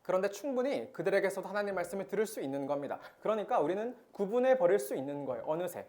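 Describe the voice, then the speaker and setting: A young adult man preaching to a youth service as pastor. He talks in a plain, conversational way, asks many rhetorical questions and reads scripture aloud in a measured tone. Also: high-pitched, sing-song, darkish tone.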